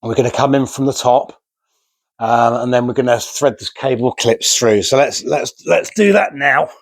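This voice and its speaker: Man, diy vlogger, chatty, self-deprecating, mid-pitched voice, dry close sound. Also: moderate pace, dry recording. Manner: chatty, self-deprecating, talks while working with hands. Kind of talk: casual how-to narration while building. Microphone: remote mic.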